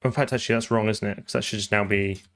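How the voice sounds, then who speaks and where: Gravelly man thinking aloud while coding. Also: lowish voice, steady tone, fast talker. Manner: thinks aloud, trails off and repeats words. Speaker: programming streamer. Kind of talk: live coding stream chat.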